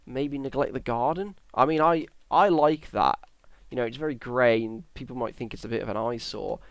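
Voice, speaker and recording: A man's voice: medium pitch, moderate pace, dry recording. A tired young man, rambling and hesitant as he commentates his Minecraft build. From England. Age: young adult. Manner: rambling, hesitant, self-correcting. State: tired, yawning. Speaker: Minecraft YouTuber. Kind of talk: casual gameplay commentary.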